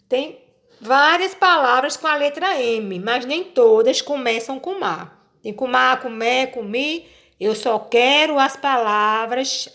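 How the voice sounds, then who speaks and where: A woman teacher with a Brazilian Portuguese accent, patiently explaining a children's worksheet and sounding out syllables slowly. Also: fairly high pitch, a bit bright.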